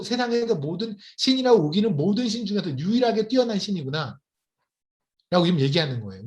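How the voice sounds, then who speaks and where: A man preaching a sermon as a missionary, humorous and lively, acting out quoted voices. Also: high-pitched.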